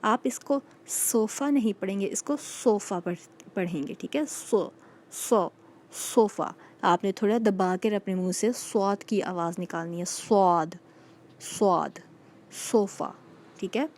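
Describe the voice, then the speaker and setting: A woman teacher giving a patient recorded phonics lesson to young children, repeating each sound slowly and checking in with them often. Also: medium pitch, darkish tone. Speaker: school teacher.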